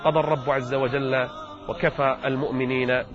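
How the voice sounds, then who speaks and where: A man's voice: medium pitch, little pitch movement, fairly quick, over music. A man preaching as a dramatic storyteller, his voice rising in quoted speech. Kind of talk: sermon retelling a story from the Prophet's life. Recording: dull lo-fi recording.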